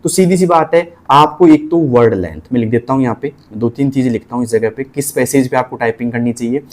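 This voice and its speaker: A man with a Rajasthani Hindi accent, teaching typing in a casual way, repeating points and spelling letters out slowly. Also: medium pitch, a little mellow. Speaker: typing tutor.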